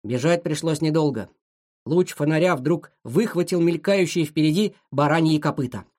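A narrator reading a children's adventure story aloud with an expressive, animated delivery. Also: medium pitch, moderate pace.

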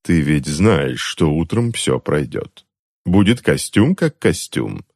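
A man voicing a cold, sardonic aunt who speaks slowly and coolly and mocks her husband. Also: extremely low pitch, big pitch swings, vocal fry, darkish tone, slightly rough, dry recording, studio quality, heavily acted. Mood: mocking. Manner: unhurried, cool, mocking. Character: cold, sardonic witch aunt reading a book. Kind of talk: audiobook character voice.

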